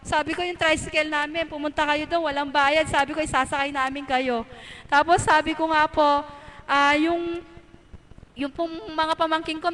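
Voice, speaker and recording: High-pitched middle-aged woman sharing a faith testimony at church, earnest and polite. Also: sharp tone. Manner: earnest, polite, prays aloud in quoted prayers. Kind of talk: personal religious testimony. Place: church gathering.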